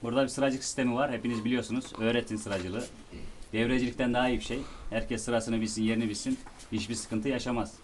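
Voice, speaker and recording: A man's voice: mid-range voice, steady tone, quick pace, a little hiss or hum. A young man, a departing soldier, giving a solemn, formal farewell speech to his unit. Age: young adult. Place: military unit outdoors among soldiers.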